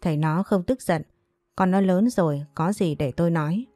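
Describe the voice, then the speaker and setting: A woman voicing a gentle, worried middle-aged village mother who speaks softly and pleads. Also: on the low side, moderate pace, dry recording, studio quality, faint music behind, close to an everyday voice. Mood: pleading. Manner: soft, pleading.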